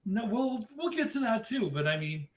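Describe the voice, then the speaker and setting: A man hosting a live-streamed interview, upbeat and chatty, giving shout-outs to viewers. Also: high voice, very animated, normal speed, crowd noise. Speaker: podcast host. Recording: echoey room with faint noise.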